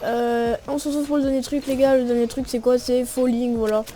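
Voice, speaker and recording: Relaxed slangy young woman, higher voice. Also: fairly quick, slight background noise. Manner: slangy and relaxed, narrating with spoken shot noises. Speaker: gaming video creator. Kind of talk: casual gameplay tutorial commentary. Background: music and gunfire from the game.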